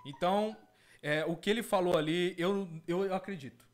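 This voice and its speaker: A man's voice: high-pitched, normal speed, faint music behind. A man, an evangelical host telling a testimony earnestly and often repeating his words. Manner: earnest, repeats words, calls listeners brothers. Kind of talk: testimony and reaction commentary.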